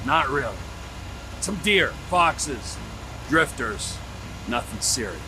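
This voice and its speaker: An actor playing a volatile, foul-mouthed middle-aged criminal in a video game, ranting erratically between shouts and mutters. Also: male voice, mid-range voice, big pitch swings, takes it slowly, noisy background. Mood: brooding, matter-of-fact. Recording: game clips under loud music.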